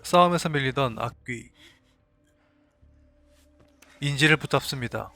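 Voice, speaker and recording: A man reading scripted recap narration as a drama reviewer, in measured storytelling statements. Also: medium pitch, background noise. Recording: voice-over with faint music behind.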